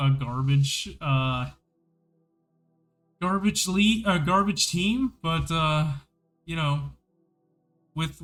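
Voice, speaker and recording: A man hosting a casual hockey podcast on a livestream, chatty and enthusiastic, rambling as he goes. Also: fairly high pitch. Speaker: podcast host.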